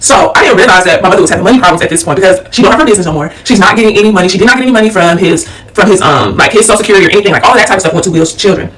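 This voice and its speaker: A woman's voice: mid-range voice, expressive, rapid-fire, few pauses, a bit bright. A young woman telling a family story in a chatty storytime monologue, with a slight lisp from her retainer. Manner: chatty, addresses listeners as y'all and girl. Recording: voice a bit far from the mic.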